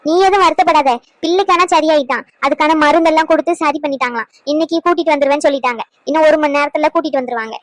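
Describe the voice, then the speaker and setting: A woman's voice: high voice, rapid-fire, hardly any pauses, no echo, lightly acted, rough recording. A woman voicing a blunt older mother-in-law in a cartoon, with a rustic, scolding way of talking. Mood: reassuring. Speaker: cartoon character.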